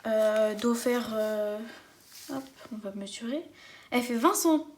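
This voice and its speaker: A woman's voice: a little high, slow, darkish tone. A woman chatting enthusiastically as she unboxes a craft kit for her viewers. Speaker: craft vlogger. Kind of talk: casual unboxing chat.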